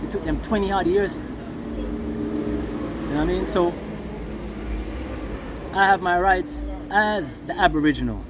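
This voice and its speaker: A man's voice: high voice, unhurried, pauses often. A Jamaican man giving impassioned, informal Rasta-style reasoning, emphatic and often checking that his listener follows. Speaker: interviewee. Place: outdoors near passing vehicles. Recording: noisy outdoor recording with traffic.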